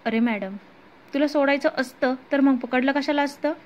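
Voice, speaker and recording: A man's voice: very high-pitched, moderate pace. A woman doing a harsh gun-wielding kidnapper. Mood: mocking. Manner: harsh, loud, commanding.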